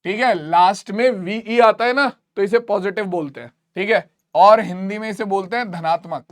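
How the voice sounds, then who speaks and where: High-voiced man teaching math. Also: normal speed. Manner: repeats key points and quizzes students. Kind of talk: classroom math lesson.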